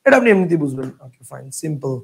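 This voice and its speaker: Male teacher, lecture delivery, fast and gravelly, drills words by repetition. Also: on the high side, sing-song. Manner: explains rules with many examples, checks "ঠিক আছে?"; repeats words slowly to drill spelling. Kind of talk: online class lecture.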